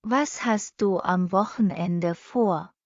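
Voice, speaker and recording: A woman reading short practice sentences for a language lesson, saying each one twice, slowly and evenly. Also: medium pitch, no echo. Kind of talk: slow repeated phrase reading for learners. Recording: dull lo-fi dry recording.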